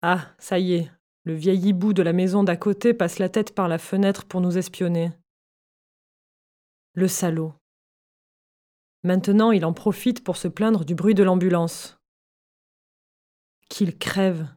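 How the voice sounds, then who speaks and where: A woman voicing a sharp-tongued older grandmother in an audiobook, speaking bluntly and with scorn. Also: on the low side, steady tone, unhurried, long pauses, natural voice. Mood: scornful. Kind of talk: audiobook character narration.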